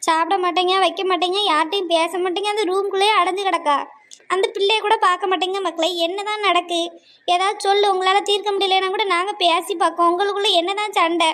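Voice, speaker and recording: A fretful elderly mother-in-law from a cartoon family drama, voiced by a performer. Her squeaky, very high voice rushes on, pleading and insistent. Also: steady tone, bright, forceful tone. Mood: worried.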